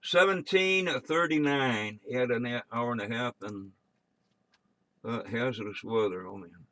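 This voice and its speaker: An American man working as net control on an amateur radio net, reading check-ins and announcements in a halting, offhand way with muttered asides. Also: medium pitch, pushed and bright, no room sound.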